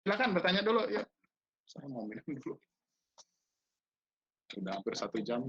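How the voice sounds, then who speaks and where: A man's voice: fairly high pitch, big pitch swings, moderate pace, fairly bright tone, husky, muffled recording. A man with a slight tinge giving a casual online university lecture, chatty and teasing, often quizzing his students.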